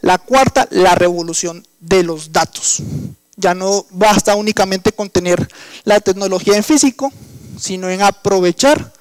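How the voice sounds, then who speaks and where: A young workshop instructor from the Colombian Caribbean coast, speaking coastal Spanish, gives an online lecture in an explanatory style full of fillers and restarts. His voice is high and unhurried, with no room sound, but the audio quality is poor.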